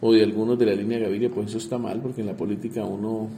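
A man speaks in a very dark, mellow voice and a lowish register. He answers as a congressman in an interview, halting and repeating small words as he searches for the next phrase. Faint noise hums behind him. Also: level tone.

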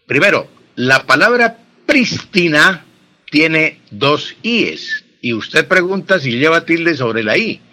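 On a radio program, a man acting as a language expert answers listener questions in a fairly high, bright, forceful voice. He explains patiently and repeats his key points.

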